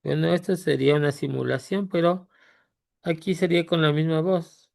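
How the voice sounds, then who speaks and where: Un hombre con la voz áspera y crujiente, que explica un programa paso a paso con muchas pausas. La grabación es seca, sin eco de la sala. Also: male voice, fairly high pitch, fairly even intonation, gravelly, dry recording, studio quality. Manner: halting explanation, pausing with tag questions. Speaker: tutorial host. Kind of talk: screen-recorded software tutorial.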